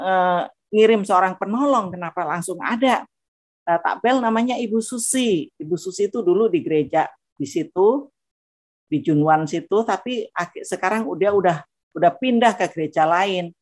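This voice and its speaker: A woman with a Javanese accent giving a personal testimony in a chatty, animated storytelling way. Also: medium pitch, normal speed, no echo. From Central Java, Indonesia. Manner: animated, acts out dialogue; chatty, frequent fillers.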